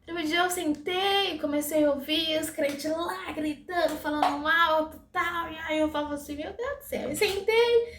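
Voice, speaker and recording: A woman giving a personal faith testimony, telling it in a lively way and acting out the dialogue. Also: high-pitched, moderate pace, background noise. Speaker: dental assistant giving a testimony. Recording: echoey room.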